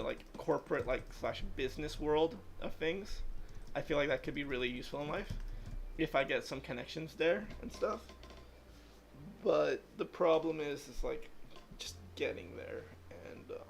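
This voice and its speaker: An eighteen-year-old guy hosts a livestream, chatting casually while gaming and rambling along with lots of "like" fillers. His voice is a little high and creaky, with slight background noise.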